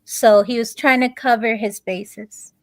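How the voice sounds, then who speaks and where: A woman, a guest in a conversation, telling a long story in a halting way, pausing on many fillers and restarts. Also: on the high side, steady tone, no echo.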